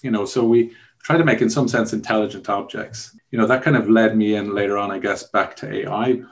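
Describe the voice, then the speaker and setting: A man's voice: fairly low pitch, fairly even intonation, a little fast. A middle-aged man from Ireland with an Irish accent, a guest in a casual interview, explaining his past at length with frequent restarts.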